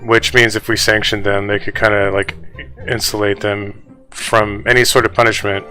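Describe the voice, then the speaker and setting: A man rants through his news commentary, swearing constantly as he speaks straight to his viewers. His voice is bright and sharp, and his delivery is fast and fired up. Faint music plays quietly behind him. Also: lowish voice, level tone, poor audio. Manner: profane, ranting, heavy swearing. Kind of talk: casual reaction commentary on news articles.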